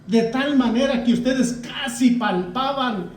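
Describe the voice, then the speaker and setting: A man's voice: very high voice, a little slow. A man, a pastor giving a folksy, conversational sermon and often addressing the congregation as brothers. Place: church hall. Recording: echoey church hall, distant mic.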